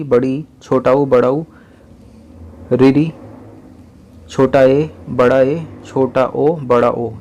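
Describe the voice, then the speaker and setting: A man teaching a lesson in an explanatory classroom style, repeating each point slowly and counting items aloud. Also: medium pitch, darkish tone.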